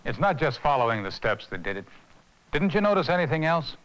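A man in a 1980s educational film, calmly asking questions as a guiding figure. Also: fairly high pitch, a little fast, low-quality recording. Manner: calm, gently questioning. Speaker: guide figure in a training film.

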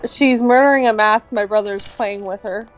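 A woman's voice: medium pitch, normal speed. A woman co-hosting a game stream, making dry, joking remarks in casual chat. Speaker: co-host. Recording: faint game music behind.

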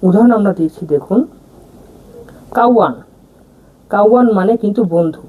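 A woman's voice: mid-range voice, very fast, phone-quality sound, slight background noise. A woman giving a language lesson letter by letter, patiently repeating each example word and its meaning. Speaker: language teacher. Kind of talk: step-by-step alphabet lesson.

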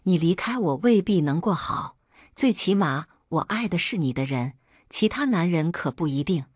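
A woman's voice: on the low side, lively intonation, normal speed, a little mellow, no room sound, clean studio sound. A woman voicing a possessive, angry husband in a spoken drama, demanding and accusing.

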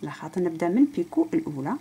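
A woman's voice: on the low side, animated, very fast, dark tone, husky. Algerian woman counting crochet stitches. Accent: Algerian Arabic. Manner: counts stitches aloud, addresses viewer directly. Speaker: crochet teacher. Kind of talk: step-by-step craft tutorial.

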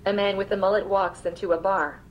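A female text-to-speech assistant voice politely answers questions, played back through a small smart speaker in a room. The delivery is even and machine-read, at medium pitch and a brisk pace. The sound is lo-fi, with soft background music.

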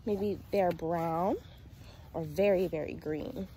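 Talking with young children outdoors in a yard, a woman in her twenties acts like a teacher leading a nature walk, asking simple questions in sing-song phrases. Her fairly low, warm voice stays steady and slow, captured by an arm's-length phone with a little background noise.

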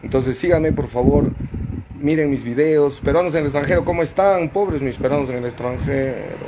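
A Peruvian man with a Peruvian Spanish accent ranting in a live video, dramatic and preachy, moving from mumbled asides to sudden high outbursts. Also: moderate pace, dull audio. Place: outdoors by a noisy street with passing vendors. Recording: live phone video with loud street noise. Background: loud street noise, horns and passing vendors.

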